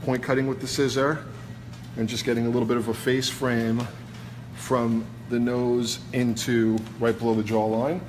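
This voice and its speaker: A man's voice: medium pitch, little pitch movement, moderate pace, darkish tone. Man with a Brooklyn accent, informal hairdresser. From New York, USA. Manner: informal, explains step by step while working. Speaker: hairdresser demonstrating a cut. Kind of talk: casual live demonstration. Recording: noisy busy salon background.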